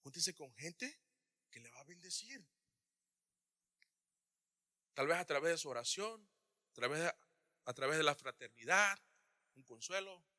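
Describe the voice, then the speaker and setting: High, bright-voiced man preaching a sermon. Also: lively intonation, a little slow, long pauses, long reverb tail. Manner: addresses listeners as "hermano", swings from loud to hushed.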